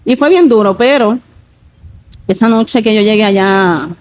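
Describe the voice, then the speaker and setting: A woman's voice: medium pitch, unhurried, no room sound, poor audio. A woman, telling a personal testimony earnestly and leaning on fillers like "pues" and "¿verdad?". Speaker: guest giving a testimony.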